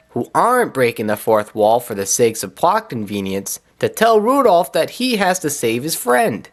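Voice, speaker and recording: A man giving a sarcastic, wisecracking comedic review of an animated film. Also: high voice. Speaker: cartoon reviewer.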